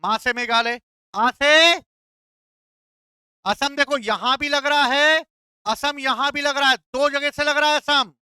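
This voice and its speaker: A man's voice: very high voice, steady tone, a little slow, pauses often, pushed and bright, no echo. A male teacher giving a classroom lecture, playful and quizzing his students with call-and-response questions.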